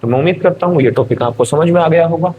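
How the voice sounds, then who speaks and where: A man's voice: on the high side, quick pace, dull audio, a little hiss or hum. A male teacher giving an exam-prep grammar lesson, explaining step by step and checking in with his students.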